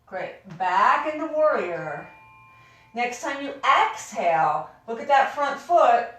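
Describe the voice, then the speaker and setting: A woman with a fairly high voice leads a yoga class. She gives careful, unhurried cues with easy, encouraging informality. The room is very echoey and she sounds distant from the microphone. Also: big pitch swings. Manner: careful, unhurried, gentle step-by-step cueing. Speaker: yoga instructor. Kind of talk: guided yoga class instruction.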